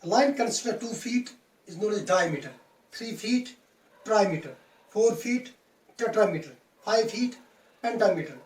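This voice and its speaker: A woman lectures on poetry like a classroom teacher. She explains methodically and often restates a point in plainer words. Her voice sits at a middle pitch and sounds roomy, picked up from some distance away. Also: expressive, moderate pace, long pauses, a little mellow. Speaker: English teacher.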